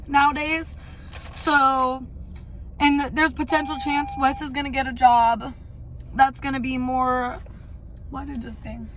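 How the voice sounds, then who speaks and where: Young female vlogger, high voice, candid rambling chat, background noise. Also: fairly bright tone. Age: young adult. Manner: candid, rambling, mild swearing. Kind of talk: casual chatty life-update vlog.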